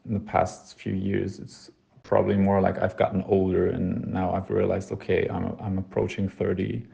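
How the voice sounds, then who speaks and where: Late-twenties German man, casual voicemail, halting and self-deprecating, gravelly low voice. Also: monotone, lo-fi sound. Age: 20s. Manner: rambling, hesitant, full of fillers and restarts; self-deprecating, soft laughs. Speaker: voicemail sender. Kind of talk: casual voice message.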